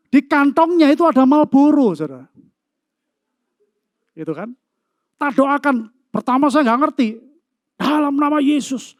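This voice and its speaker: High-voiced, joking preacher. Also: male voice, dry recording, clean studio sound. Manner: lively, joking preacher who acts out stories. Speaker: pastor. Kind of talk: sermon.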